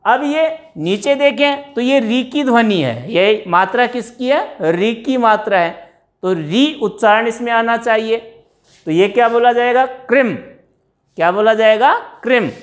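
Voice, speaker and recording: A man teaching a grammar lesson, explaining step by step and asking his students questions before answering them himself. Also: sits high. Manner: drawn-out words when stressing examples.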